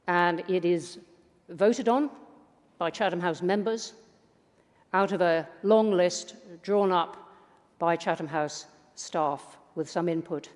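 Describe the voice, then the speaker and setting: A formal, measured chair leads a live prize ceremony in front of an audience, speaking at a mid pitch. The sound has a long reverb that rings through a large hall. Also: darkish tone. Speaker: event chair.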